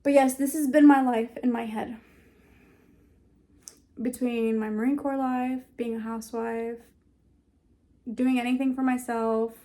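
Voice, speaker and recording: A young woman talks straight to her viewers in a loose, unscripted vlog. She rambles, searches aloud for words and restarts her sentences, with a voice that sits a little high for a woman. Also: level tone, unhurried, pauses often, dark tone. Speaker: vlogger. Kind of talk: casual talk to camera.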